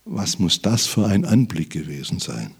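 A man's voice: deep voice, sing-song, moderate pace, vocal fry, slightly rough. A man preaching a sermon, reading Bible verses aloud and building up emphatically on key phrases.

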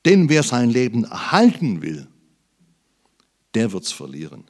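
A man preaching a sermon, swinging between emphatic loud appeals and low, quiet asides. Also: wildly swooping pitch, unhurried.

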